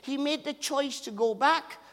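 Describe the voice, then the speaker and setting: A man with a Malaysian English accent, originally from Malaysia, preaching as a guest in church, excitable and over the top with frequent laughter. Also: extremely high pitch, measured pace. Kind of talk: sermon. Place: church hall. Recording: echoey church hall with long reverb.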